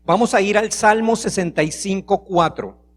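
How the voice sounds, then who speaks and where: A man's voice: sits high, moderate pace. A man preaching a sermon to a congregation, reading scripture aloud and acting out a small example from family life. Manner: preaching, acts out a child's pleading voice. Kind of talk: sermon with prayer.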